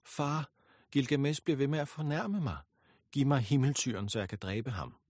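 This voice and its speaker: A man voicing a furious, vengeful goddess who speaks in a shrill, commanding, scornful way. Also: animated, darkish tone, no room sound, clean studio sound, natural voice. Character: furious vengeful goddess, woman, proud and spiteful.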